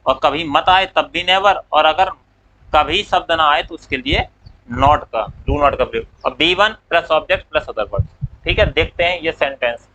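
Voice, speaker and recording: Guy teaching grammar, really slow, bright kinda high voice, asks stuff then answers it himself. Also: low-quality recording. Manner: slow, drawn-out dictation of English words. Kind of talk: classroom lecture.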